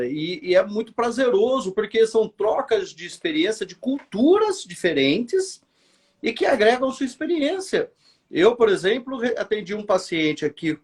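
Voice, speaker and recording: A man from Campinas with a countryside São Paulo accent and its drawn-out R, hosting a casual interview with friendly enthusiasm. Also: high voice, slightly rough. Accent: São Paulo countryside, rolled-back R. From Campinas, São Paulo state, Brazil. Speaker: host, nurse. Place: online live interview.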